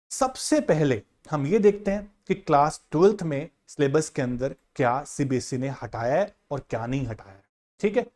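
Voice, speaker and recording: A man's voice: on the high side, darkish tone. A male economics teacher guiding students through an exam syllabus in a direct, insistent, casual way. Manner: direct, insistent, addresses students as "yaar" and "bhai". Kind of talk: casual exam-guidance lesson, screen walkthrough.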